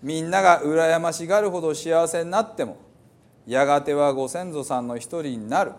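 A man's voice: fairly high pitch, moderate pace, voice pushed up, natural voice. A man reading scripture aloud as a stern old psalmist, declaiming in an old Hiroshima dialect. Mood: solemn warning. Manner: emphatic, declaiming. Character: stern old male psalmist preaching mortality.

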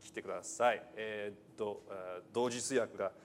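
Preaching in church in Japanese, which isn't his first language, a man with a fairly low, evenly intoned voice stumbles along cheerfully. He fills pauses often and makes self-deprecating jokes, with a little hiss or hum in the recording.

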